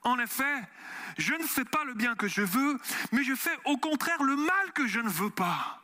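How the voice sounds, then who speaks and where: Male pastor, Swiss French accent with Quebec touches, animated sermon delivery, very high and bright. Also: moderate pace. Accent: Swiss French mixed with Quebec and French. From Switzerland. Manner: animated, asks the audience questions.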